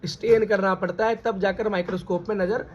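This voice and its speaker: In this classroom lecture, a biology teacher talks fairly quickly in a high, steady-toned voice. He addresses students as "beta," quizzes them, and echoes back what they say, all captured in dull lo-fi audio.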